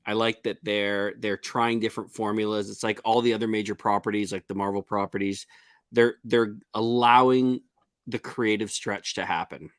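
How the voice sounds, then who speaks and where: A man co-hosting a casual live review chat, giving plain-spoken opinions in a relaxed way. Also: fairly low pitch, normal speed, smooth, no room sound, studio quality. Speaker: co-host.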